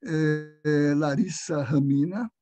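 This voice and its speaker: An older Brazilian man giving an academic lecture over a video call, speaking slowly and hesitantly with many fillers. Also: a little high, warm tone.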